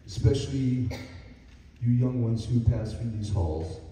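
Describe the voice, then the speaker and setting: Slow, halting man in an echoey hall. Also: medium pitch, animated, mellow. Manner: hesitant, with many fillers and restarts. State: voice cracking with emotion. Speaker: guest speaker at a dedication. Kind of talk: halting personal speech. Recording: echoey hall, mic far off, noisy.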